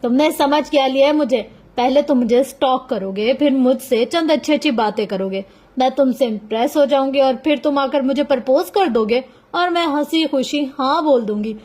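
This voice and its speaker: A woman's voice: high-pitched, normal speed, close to an everyday voice. A woman voicing a proud, defiant young woman who speaks sharply and stresses each word, in a storybook reading. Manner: sharp, emphatic.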